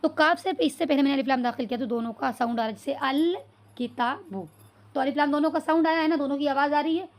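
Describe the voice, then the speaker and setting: A woman with a high-pitched, steady voice teaches an Arabic lesson, posing questions and answering them herself. She often checks whether the class follows, asking "clear so far?", and spells out Arabic words slowly.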